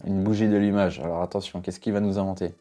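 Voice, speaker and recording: A man with a fairly low, mellow voice gives casual reaction commentary as a knife sharpener. He is blunt and exasperated, swearing and breaking into laughter often. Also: little pitch movement, quick pace, faint music behind.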